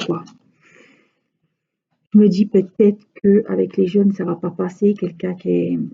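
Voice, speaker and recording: A crafting vlogger with a Franche-Comté French accent chats casually to her viewers while she crafts, rambling, drawing out her letters and filling pauses with frequent hesitations. Her voice is on the low side, dark, husky and gravelly. The recording sounds dull and lo-fi.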